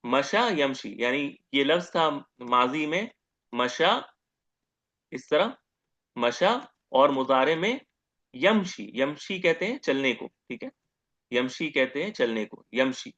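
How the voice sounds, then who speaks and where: A man giving a grammar lecture as teacher, posing questions to the class, answering them himself and repeating each term slowly. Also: mid-range voice, expressive, fairly bright tone, muffled recording. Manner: asks questions and answers them himself, repeats terms, says "okay" often.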